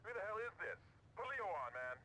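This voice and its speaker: A man's voice: high-pitched, big pitch swings, fast, bright, forceful tone, slight background noise, heavily acted. A man playing a jumpy, suspicious small-time criminal on a phone call in a video game, slangy and confrontational. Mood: angry. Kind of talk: video game cutscene acting.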